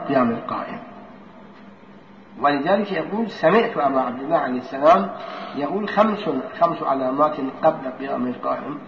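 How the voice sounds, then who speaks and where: A man giving a religious lesson, reading old narrations and explaining them line by line in a steady, deliberate way. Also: fairly high pitch, noisy background. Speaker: religious teacher. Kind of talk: hadith lesson. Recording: echoey room, dull lo-fi sound.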